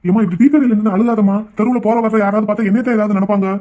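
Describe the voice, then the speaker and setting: A man's voice: high-pitched, very fast, mellow, lightly acted. A man voicing a meek, fretful tea shop owner in a cartoon, talking in a pleading way. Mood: worried. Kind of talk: cartoon voice acting.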